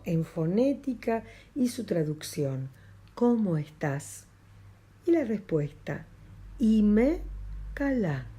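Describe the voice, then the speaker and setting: Argentine woman teaching a language lesson, slow and patient, dark husky voice, lively pitch. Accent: Argentine Spanish. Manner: patient, repeats phrases slowly for students.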